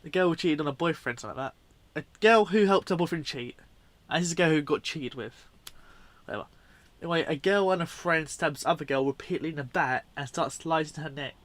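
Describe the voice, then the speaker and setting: A man's voice: fairly high pitch, fairly quick, a bit bright, no room sound. A man giving casual, unscripted commentary on video clips in a rambling, informal way, often correcting himself. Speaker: video host.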